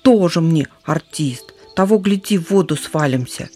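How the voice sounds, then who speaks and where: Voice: medium pitch, lively intonation, moderate pace, a little mellow, faint music behind, lightly acted. A storyteller voicing a bossy young fox cub who scolds his brother.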